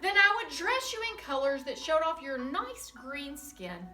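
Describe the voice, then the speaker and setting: A woman voicing a loving, patient storybook mother who answers calmly and reassuringly. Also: high voice, a little slow, reverberant, far from the mic, faint music behind, pitched above the performer's own voice, exaggerated voice. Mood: loving, soothing. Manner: warm and reassuring.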